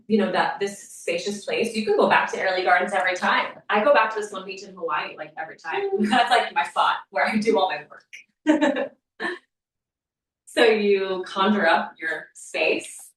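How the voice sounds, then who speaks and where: Soft-spoken woman in an echoey room. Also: medium pitch. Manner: gentle, often drops to a soft whisper. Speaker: somatic practitioner leading a workshop. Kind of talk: workshop teaching and Q&A. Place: room at a wellness center with a live group. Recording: echoey room, mic far off.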